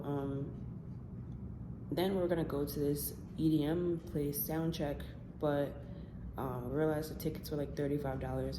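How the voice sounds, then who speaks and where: Young female vlogger, low register, dramatic gossipy storytime delivery, casual and slangy, recorded in a reverberant room with audible noise. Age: young adult. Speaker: vlogger telling a personal story. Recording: roomy echo, clearly noisy background.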